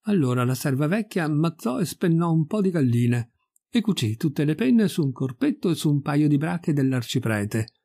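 A man reading a folk fairy tale aloud with expressive storytelling. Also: a little high, moderate pace, no echo. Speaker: reader.

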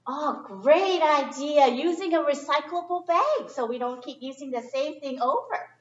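A middle-aged woman with a high, highly animated voice is reading a picture book to kids indoors in a library's children's section. She talks a bit slowly, stays expressive and chatty, and slips in informal, simply worded asides. The audio comes from a distant camera microphone across the room, sounding echoey and missing its high frequencies.

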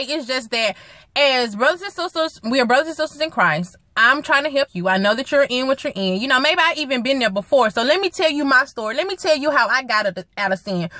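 A woman's voice: sits high, sharp tone, no room sound. A young woman preaching earnestly into a phone from a parked car, repeating her points for emphasis. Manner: earnest exhortation, repeats phrases, quotes scripture. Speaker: ministry vlogger. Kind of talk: preaching vlog. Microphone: phone at arm's length.

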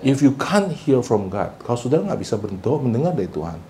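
A pastor preaching a sermon to a congregation, mixing Indonesian with English phrases and often calling for responses from the listeners. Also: male voice, fairly quick. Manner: keeps prompting the congregation for responses; animated and emphatic, with big pitch swings. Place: church service before a congregation.

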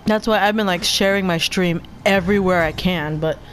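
A woman's voice: lowish voice, normal speed, a bit bright. Chatty swearing woman streamer. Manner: chatty, rambling, swears freely. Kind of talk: casual gameplay commentary. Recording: voice over game music.

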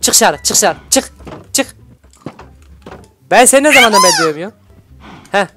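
A man hosting a Minecraft role-play, excitable, scolding and shouting at his characters between laughs. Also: high-pitched, moderate pace, loud music behind the voice. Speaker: YouTube gaming host.

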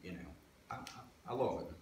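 At a moderate pace and with an expressive, lowish voice, a man tells his life story frankly and plainly, using local slang. He's a guest giving candid testimony while seated in a medium-sized church hall. The camera sits some distance away, so the sound echoes and carries a background hiss.

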